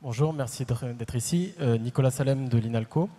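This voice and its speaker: A man in the audience politely asks a formal question from the floor. He talks quickly with a mellow, darker tone and only brief hesitations. His voice carries the long reverb of a large lecture hall. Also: medium pitch, husky. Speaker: audience member asking a question.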